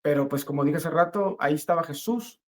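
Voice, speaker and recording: Haltingly and earnestly, a middle-aged man shares his personal religious testimony off the cuff, circling back on phrases to stress them. He speaks with a somewhat high voice.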